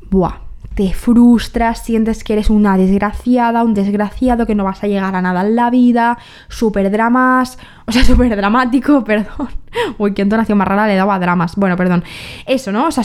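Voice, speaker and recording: A woman's voice: a little high, warm tone. A young woman hosting a podcast, musing candidly in a personal monologue, often correcting herself and asking rhetorical questions. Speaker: podcast host.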